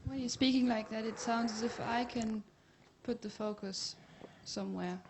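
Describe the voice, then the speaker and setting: A retreat participant speaks up from the group, thinking aloud with some hesitation. Her voice is slightly high, with a faint noise underneath. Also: normal speed, a little mellow.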